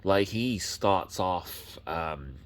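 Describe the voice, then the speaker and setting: A man's voice: sits low, animated, very slow. A man, casually showing off his movie collection and rambling, often correcting himself as he talks.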